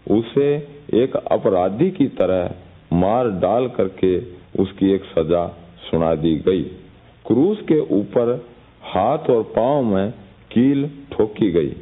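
A man telling a gospel story as a sermon, slowly, and addressing his listeners as dear ones. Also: fairly low pitch, slightly rough. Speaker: preacher. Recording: tinny phone-like audio.

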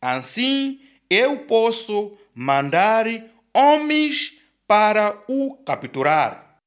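A man's voice: high voice, sing-song, very slow, a bit bright, heavily acted. A man voicing a commanding king who gives orders to his soldiers in a storybook reading. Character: commanding male king of an enemy army.

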